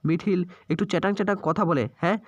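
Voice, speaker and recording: A man's voice: high voice, fairly quick, no room sound. A man voicing an indignant young man scolding his grandmother. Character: angry young man defending his family.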